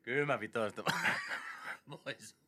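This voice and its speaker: A man's voice: mid-range voice, bright, forceful tone, slight background noise. A man co-hosting a morning radio show, telling a story hesitantly and repeating his words in casual banter. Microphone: studio microphone.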